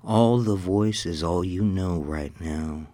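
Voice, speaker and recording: A man narrating a scripted hypnotic induction, slow and repetitive, giving commands and dropping into soft whispers. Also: deep voice.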